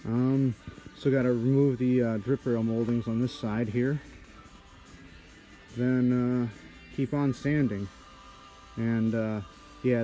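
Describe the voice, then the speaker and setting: A man's voice: medium pitch, mellow. Man muffled behind a respirator mask. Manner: halting, many fillers while working. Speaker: car restorer. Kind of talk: casual workshop narration. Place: auto body garage.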